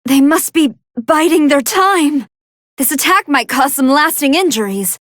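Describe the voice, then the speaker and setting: A woman's voice: sits high, lively intonation, measured pace, dry recording, studio quality. A woman voicing a brainy female android scientist who gives articulate, analytical commentary on battles in a video game. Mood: composed, analytical. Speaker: fight commentator.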